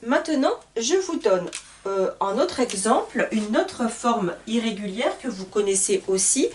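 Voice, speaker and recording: A woman teaching a grammar lesson, spelling out letters and repeating word pairs slowly. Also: a little high, animated, a little mellow, recorded from a distance, a little hiss or hum. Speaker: French teacher.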